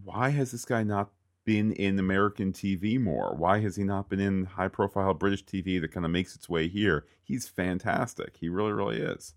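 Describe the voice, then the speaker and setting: A man's voice: low-pitched, moderate pace. A man co-hosting a podcast, chatting casually and slipping into mock quoted voices. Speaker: podcast co-host.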